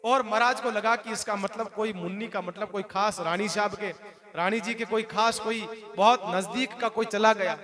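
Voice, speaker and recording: A man preaches a devotional story with a high, ringing voice. He acts out the wailing characters with lively animation. A large crowd is clearly audible behind him. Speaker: katha preacher.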